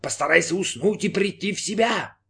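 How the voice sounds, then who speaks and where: Guy putting on a creepy mocking voice inside someone's head, pushy and shrill, pitched up high. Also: expressive, brisk, vocal fry, a bit bright, exaggerated voice. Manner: taunting, shrill and urgent. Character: eerie mocking male inner voice, insistent.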